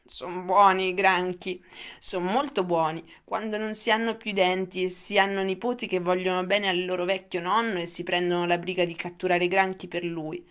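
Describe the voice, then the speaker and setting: A woman voicing a frail, querulous old grandfather in a storybook reading, in a thin, wavering falsetto. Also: level tone, moderate pace, a bit bright, close to an everyday voice. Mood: grumbling. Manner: shrill, rambling, grumbling.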